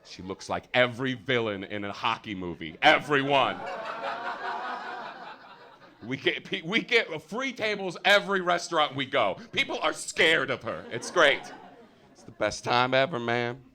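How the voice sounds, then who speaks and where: Loud american comic guy doing standup in a theater, bright voice that jumps all over, cursing a lot. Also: unhurried. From United States. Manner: loud, animated, swearing, voice jumps high for punchlines. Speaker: stand-up comedian. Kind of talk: stand-up comedy set. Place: comedy theater with a live audience.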